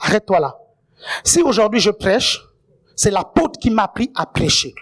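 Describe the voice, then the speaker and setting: Preacher, sermon, checks in with the crowd often, playful asides, mid-pitched voice. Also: big pitch swings, moderate pace, fairly bright tone. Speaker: guest preacher. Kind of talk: sermon to a congregation.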